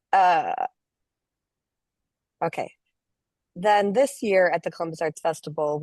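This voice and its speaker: Low-voiced woman hosting. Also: a little mellow, dry recording. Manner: friendly, loose, many ums. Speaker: interview host and advocate. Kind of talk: online presentation and interview.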